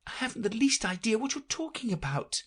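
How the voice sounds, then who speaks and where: A woman's voice: on the high side, very animated, brisk, husky, voice pushed up. Woman doing Alice, a polite little girl. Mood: earnest. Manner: polite, earnest, a little indignant. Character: puzzled polite little girl, truthful and indignant.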